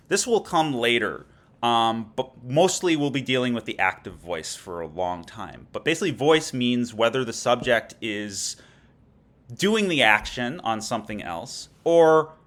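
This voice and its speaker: Lower-voiced man teaching a lecture. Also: fairly bright tone. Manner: explanatory, frequent "okay?" check-ins. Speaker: Latin teacher. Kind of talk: recorded lecture.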